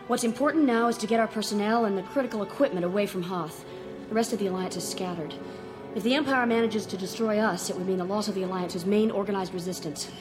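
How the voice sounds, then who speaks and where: A woman's voice: medium pitch, quick pace, music in the background, natural voice. A woman playing a resolute young princess and rebel leader in a radio drama, decisive and authoritative. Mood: grave resolve.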